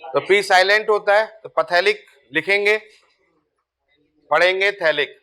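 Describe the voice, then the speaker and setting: A man's voice: high voice, fairly even intonation, a little slow, sharp tone, clear, resonant tone. A man teaching chemistry, talking casually and repeating key terms while checking that students follow. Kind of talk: board lecture.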